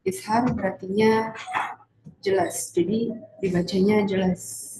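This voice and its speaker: Teen girl student presenter, hesitant and unhurried, echoey classroom recording with faint background noise. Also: medium pitch, steady tone, warm tone. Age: teens. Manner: hesitant, many pauses and fillers.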